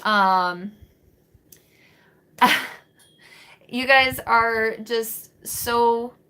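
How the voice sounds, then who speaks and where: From a small bedroom with a green wall, a late-twenties vlogger answers her live chat on webcam, rambling casually with frequent fillers and restarts. Her slightly high voice is bright, forceful and clean, and she speaks extremely slowly.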